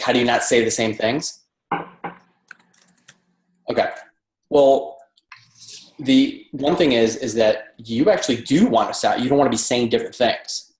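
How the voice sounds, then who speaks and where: A man coaching applicants in a loose, chatty question-and-answer session, circling back and restarting phrases as he works out his point. His voice sits at an ordinary middle pitch. The room around him is echoey and roomy, as if he is talking from a bare home apartment. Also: a little mellow. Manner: conversational, repeats and restarts phrases while thinking aloud. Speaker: dental residency interviewer and mentor. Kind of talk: informal advice session with audience questions.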